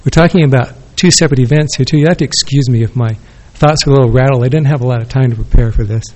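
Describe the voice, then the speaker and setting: At an academic conference, a man speaks into a podium microphone before an audience in a conference room, giving a rambling response that keeps correcting itself. His mid-range voice is a little mellow, and he talks at a racing speed.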